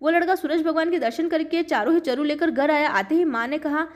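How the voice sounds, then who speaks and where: High-voiced woman telling folk tales. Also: a little fast. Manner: plain, homely storytelling tone. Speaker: storyteller. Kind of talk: devotional folk tale narration.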